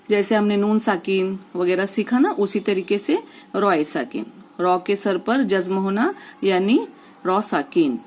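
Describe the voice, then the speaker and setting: Woman as patient reading teacher, slow drills, a bit high-pitched. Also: rough recording. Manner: patient, repeats rules and drills syllables slowly. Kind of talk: slow spoken lesson with drawn-out recitation.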